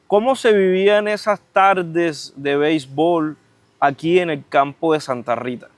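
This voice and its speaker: A man's voice: fairly high pitch, measured pace, dry recording. A man with a Caribbean Spanish accent from Cartagena, Colombia, hosts a casual conversation, agreeing and building on what is said. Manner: agreeing, builds on the other speaker's points. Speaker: podcast host.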